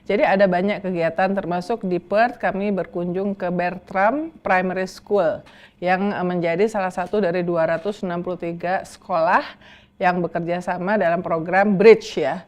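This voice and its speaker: A woman's voice: lowish voice, fairly even intonation, normal speed. A middle-aged woman, interviewing casually and mixing in the odd English word. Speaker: interviewer, journalist.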